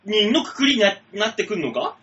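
A man's voice: sits high, big pitch swings, a little fast, bright, forceful tone. A man hosting a casual comedy talk show, reading listener mail in a playful, bawdy, mock-formal manner, on a dull lo-fi recording.

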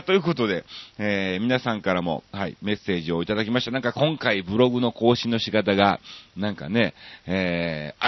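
A man from Osaka with a Kansai accent hosting a radio show, chatting casually and reading listener mail with lots of drawn-out fillers. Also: on the low side, no echo, muffled recording. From Osaka, Japan.

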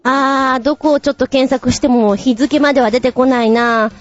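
A woman hosting a radio show, chatting casually and giggling between quick asides while she reads listener messages. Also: high-pitched, steady tone. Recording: muffled lo-fi with faint music.

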